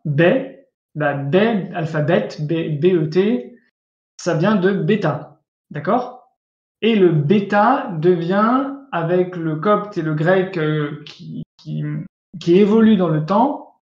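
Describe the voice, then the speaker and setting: Slow-spoken man teaching an online class. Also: high voice. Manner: patient, repetitive, often checks understanding with asides. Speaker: Coptic language teacher. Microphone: video call. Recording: echoey room, dull lo-fi sound.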